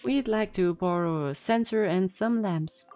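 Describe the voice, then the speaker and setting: A woman's voice: medium pitch, measured pace, dark tone. A woman giving casual, laid-back, wry commentary as she reacts to a video game story. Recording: game music behind.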